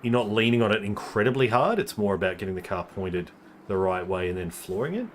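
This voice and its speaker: A man's voice: fairly low pitch, a little fast, slight background noise. A man giving live race commentary, thinking aloud and explaining car details with frequent ums. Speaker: sim racing commentator.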